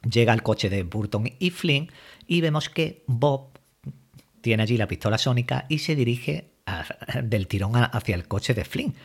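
A man from giving a casual, lively recap of a TV episode, loosely acting out the characters' lines as he retells them. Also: mid-range voice, husky. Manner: lively retelling, voices quoted dialogue loosely. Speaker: series recap commentator.

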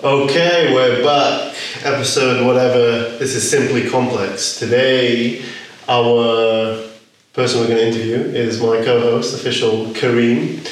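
A man's voice: medium pitch, steady tone, unhurried, slight background noise. Podcast host guy, chill and jokey, laughs a lot, mid voice, sounds far away in a really echoey room. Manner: joking, easygoing, laughs often. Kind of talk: casual podcast interview.

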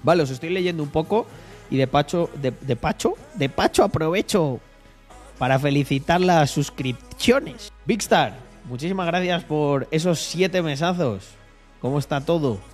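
A young man with a Spanish accent talks straight to his stream chat, punchy and emphatic, doubling up his words. Soft music plays faintly behind him. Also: a little high, animated, moderate pace. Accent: Spain. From Spain. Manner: emphatic, repeats words, swears freely. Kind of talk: casual livestream monologue.

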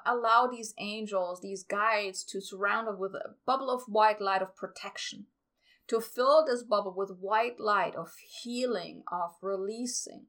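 A woman guiding a meditation in a calm, soothing, meditative manner, as a spiritual podcast host. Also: mid-range voice. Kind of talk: guided meditation.

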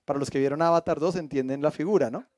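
A man with a high-pitched voice leads a church Bible study, recorded close and dry. He keeps checking in with his listeners through questions as he reads and explains, and he slips in playful jokes. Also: quick pace, darkish tone, no room sound. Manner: asks the audience frequent questions; reads a passage aloud and stops to explain.

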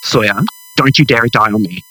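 An actor playing an anxious, devoted, haunted man in an audio drama, earnest and worried, with a husky voice. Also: lowish voice, normal speed, sharp tone, no room sound. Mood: panicked.

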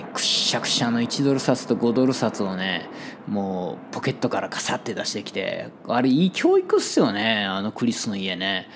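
A man with a Kansai accent, a hair salon owner, telling a story in casual talk and acting out the conversations in it. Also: mid-range voice.

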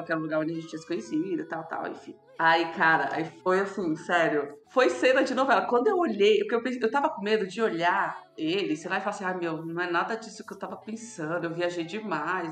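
A young woman from São Paulo with a São Paulo accent tells a personal story in an animated, emotional way, trailing off with fillers. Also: fairly low pitch, fairly quick, few pauses. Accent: São Paulo Portuguese. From São Paulo, Brazil. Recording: roomy echo, faint background music.

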